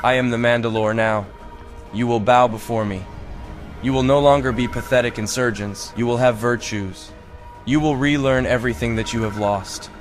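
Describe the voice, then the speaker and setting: A man's voice: medium pitch, steady tone, normal speed, lightly acted. A man voicing a young male warrior who claims to rule, speaking in stern, formal decrees. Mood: commanding. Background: faint background music.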